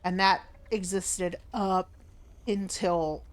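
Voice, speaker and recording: A woman's voice: on the low side, fairly even intonation, slow. A woman hosting a game livestream, talking casually in a monologue to her viewers.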